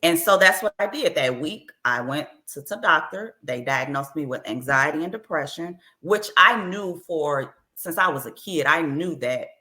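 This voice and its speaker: Bright-voiced woman speaking candidly. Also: low voice, lively intonation, moderate pace, few pauses. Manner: earnest, open, with repeated phrases. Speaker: author being interviewed. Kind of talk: candid personal interview.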